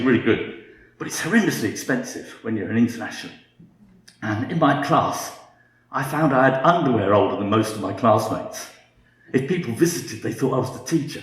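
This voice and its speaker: A man's voice: medium pitch, reverberant, slight background noise. Dry-humoured British man in his fifties. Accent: British English. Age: 50s. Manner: dry self-mocking humour. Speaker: guest speaker. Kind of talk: humorous talk.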